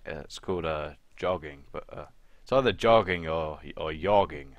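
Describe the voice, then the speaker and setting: A man's voice: a bass voice, normal speed, fairly bright tone, no room sound, highs cut off. A young man co-hosting a casual podcast chat, blunt and swearing freely with dry jokes. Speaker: podcast co-host.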